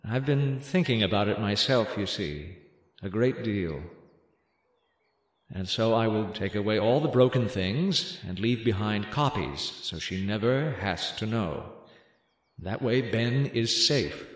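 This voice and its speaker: An actor playing a smooth, manipulative man who coaxes and hushes a child in an audio drama. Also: on the low side, animated, measured pace. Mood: coaxing, scheming. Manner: coaxing, hushing, questioning tags. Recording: roomy, echoing sound.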